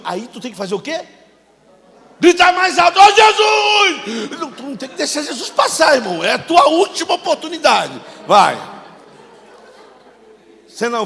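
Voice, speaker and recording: A man, a pastor coaching volunteers through a Bible scene in a sermon, joking and shouting cues. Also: very high voice, animated, a little fast, gravelly, in a large hall.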